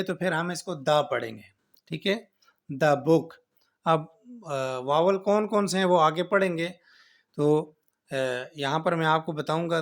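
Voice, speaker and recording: A man teaching an English grammar lesson, explaining slowly, repeating points and often checking with "right?". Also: a little high. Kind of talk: classroom lecture.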